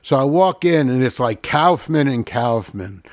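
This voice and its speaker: A man's voice: mid-range voice, a little slow, no echo, clean studio sound. A man co-hosting a comedy show, cracking jokes and telling stories in casual banter. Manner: jokey, animated storytelling.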